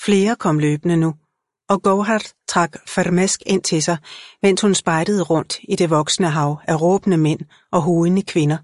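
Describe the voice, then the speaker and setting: Woman narrator, low voice, dry close sound, measured audiobook reading. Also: fairly even intonation, no room sound. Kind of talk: scripted narration.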